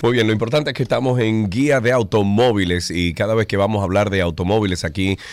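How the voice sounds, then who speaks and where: A man's voice: fairly low pitch, fast, music in the background. A man hosting a live radio show, playful and joking. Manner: playful, animated. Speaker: radio host.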